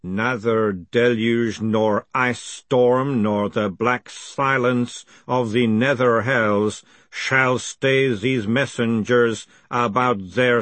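A man voicing an ancient, solemn male clay golem messenger who speaks slowly and gravely. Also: medium pitch, no echo. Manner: slow, measured, flat and grave.

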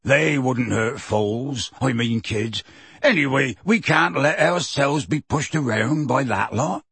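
A man doing Hagrid, a gruff, stubborn giant gamekeeper. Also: mid-range voice, slow pace, fairly bright tone, no echo, heavily acted. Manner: testy, defiant, outspoken.

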